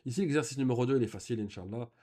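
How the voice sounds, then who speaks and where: Guy teaching arabic to beginners, reads a line then translates it, patient and repetitive, normal pitch. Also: very fast, dark tone. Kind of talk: online Arabic lesson explained in French.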